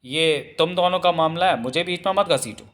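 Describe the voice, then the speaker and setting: A man's voice: on the high side, moderate pace, fairly bright tone, close to an everyday voice. A male narrator voicing a weary, henpecked husband who answers in a resigned, innocent-sounding way in a storybook reading. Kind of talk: audiobook character voice.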